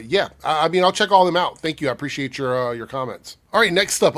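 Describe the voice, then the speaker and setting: Guy w a cold, kinda breathy, casual youtube q&a talk, thinks out loud. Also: a little high. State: under the weather with a cold. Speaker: YouTube commentator. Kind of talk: casual talk answering viewer comments.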